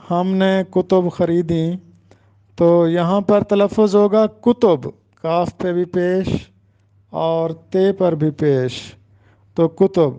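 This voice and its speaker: Guy teaching a prep class, pretty high mellow voice, spells words out slow. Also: clean tone, dull audio. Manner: slow, careful, spells out pronunciation. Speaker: Urdu teacher. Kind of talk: exam-prep lecture.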